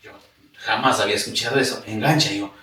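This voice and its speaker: A man from Ecuador with an Ecuadorian highland Spanish accent, a podcast guest telling his life story in a casual, animated way and acting out remembered dialogue. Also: fairly quick. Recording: echoey room, distant mic.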